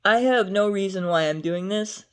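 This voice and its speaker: A woman's voice: mid-range voice, normal speed, smooth. A young adult woman vlogging to camera in a rambling, chatty way, drifting between topics with frequent fillers. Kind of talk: casual talk to camera.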